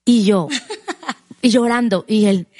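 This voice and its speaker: A woman's voice: mid-range voice, slow, mellow, no echo. A young woman chatting casually as co-host, talking emotionally and acting out quoted dialogue with her husband. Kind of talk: casual chat.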